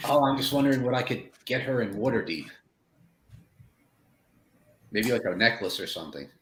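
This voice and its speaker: Animated, nervous man gaming. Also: mid-range voice, normal speed. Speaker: tabletop game player. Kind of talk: in-character play. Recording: echoey room with faint noise.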